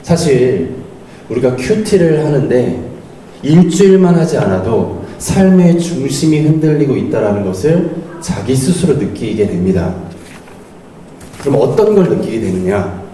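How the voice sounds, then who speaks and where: A middle-aged man preaching a sermon as an associate pastor, lively and animated, acting out quoted lines as he teaches. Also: mid-range voice, measured pace. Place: church hall. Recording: roomy church hall, mic at a distance, faint noise.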